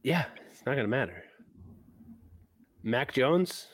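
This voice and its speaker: A man's voice: mid-range voice, lively intonation. Teasing man in casual sports chat. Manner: teasing, quick bursts, repeats words. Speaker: podcast co-host.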